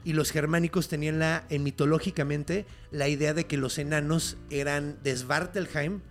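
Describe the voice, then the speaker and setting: A man's voice: fairly high pitch, fairly even intonation, moderate pace, soft background music. Slangy Mexican man explaining myths. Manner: slangy, swearing, explains myths with bursts of laughing shouts. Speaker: podcast co-host telling folklore. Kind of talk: casual podcast chat.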